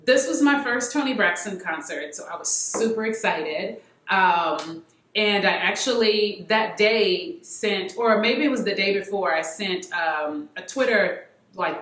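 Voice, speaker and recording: A woman telling a story to camera in a casual chat, animated and full of fillers, acting out what people said. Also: mid-range voice, a little slow, roomy sound, low-quality recording. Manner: animated, acts out quotes with filler words.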